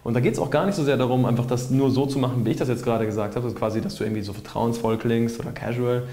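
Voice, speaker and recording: A man's voice: mid-range voice, racing. A man coaching viewers on flirting in a casual, chatty monologue and acting out sample lines. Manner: acts out nervous and relaxed example lines. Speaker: dating coach. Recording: roomy echo.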